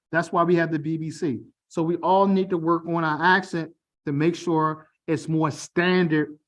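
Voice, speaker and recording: This online presentation comes from a middle-aged Baltimore man whose largely standard American accent carries a faint local Baltimore flavor. Talking directly and conversationally through a video call, he keeps asking "okay?" and "all right?" as he runs the information session, his pitch fairly high.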